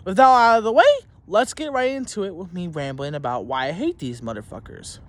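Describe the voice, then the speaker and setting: A man's voice: sits high, a little fast. A young man, a student, ranting angrily to camera about teachers, rambling, swearing heavily and restarting his sentences. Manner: heated and indignant, mocking in tone. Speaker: student telling a school story. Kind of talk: angry profane rant to camera.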